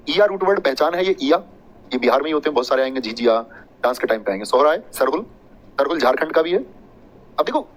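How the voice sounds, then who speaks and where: A man's voice: a little high, poor audio. A man teaching an exam-prep class, joking and chatty, drilling points with repetition and mnemonic stories.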